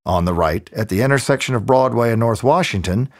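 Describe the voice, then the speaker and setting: A man narrating a scripted audio tour in the smooth, measured, clearly articulated manner of a museum guide. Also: medium pitch, animated. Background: background music.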